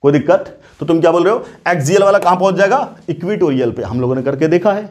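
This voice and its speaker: A man's voice: fairly high pitch, quick pace, darkish tone. A male chemistry teacher lecturing a class, often repeating questions and checking that students follow, calling them "beta". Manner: addresses students casually as beta.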